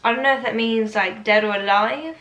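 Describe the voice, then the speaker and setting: A woman's voice: on the high side, brisk, fairly bright tone, lo-fi sound. A British woman in her twenties chatting casually to camera in a rambling, informal, exaggerating way, answering questions as a vlogger. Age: 20s. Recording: echoey room, faint background noise.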